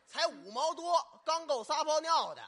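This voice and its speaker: A man playing the straight man in a crosstalk comedy duo on a theater stage, firing quick teasing retorts. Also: very high voice, sing-song, pushed and bright.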